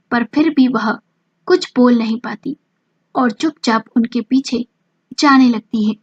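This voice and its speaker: A woman storyteller reading a romantic drama story aloud in a steady, dramatic way. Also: fairly high pitch, husky, no room sound, dull audio. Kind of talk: scripted story narration.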